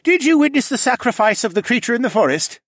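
A man's voice: very high-pitched, big pitch swings, fast talker, fairly bright tone, dry recording, studio quality, pitched above the performer's own voice, heavily acted. A man voicing a frightened, pleading male muskox demi-human in an audiobook. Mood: insistent. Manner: desperate, begging. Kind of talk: audiobook character voice.

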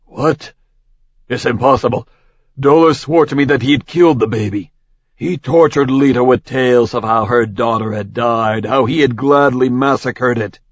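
A man's voice: mid-range voice, normal speed, no echo, lightly acted. A man voicing a furious, snarling king of the gods in an audiobook, in a slightly dull, dry recording. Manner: snarling, angry. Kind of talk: audiobook character voice.

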